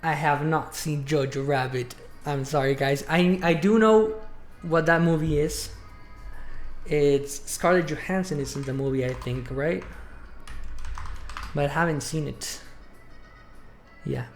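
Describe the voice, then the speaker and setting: A man's voice: fairly high pitch, a little slow, long pauses. A man chatting casually on a live stream, rambling with many fillers. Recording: roomy with faint music.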